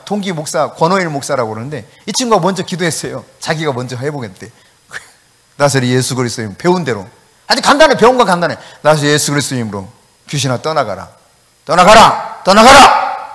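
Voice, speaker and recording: In a large church sanctuary, a male pastor with a slightly high voice preaches a sermon. He tells a story with acted-out dialogue and sudden shouted commands.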